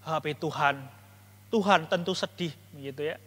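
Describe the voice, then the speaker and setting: A man with a high, bright voice preaches a sermon, acting out family dialogue as he tells his story. The sound carries a long church reverb. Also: moderate pace.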